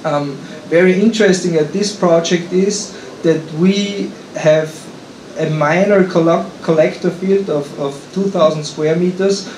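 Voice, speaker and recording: A man's voice: a little high, a little mellow, a little hiss or hum. Austrian-accented man presenting in an echoey hall. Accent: Austrian German. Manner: halting, frequent restarts and fillers. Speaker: conference presenter, engineer. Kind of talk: conference presentation. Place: conference hall.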